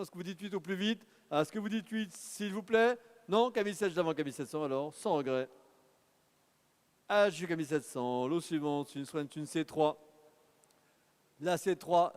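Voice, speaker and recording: A high-voiced man calls bids at a live car auction, firing off numbers in a quick rhythmic patter and urging bidders on. A long reverb carries his voice through the auction hall.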